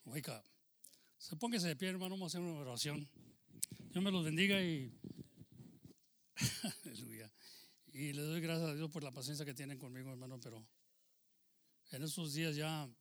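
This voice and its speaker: Older man, church testimony, earnest exhorting preacher energy, slightly high voice, dry close sound. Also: normal speed, pauses often, dry recording. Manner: earnest, exhorting, bursts of loud emphasis; addresses listeners as brothers. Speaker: church member giving testimony. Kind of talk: testimony sermon.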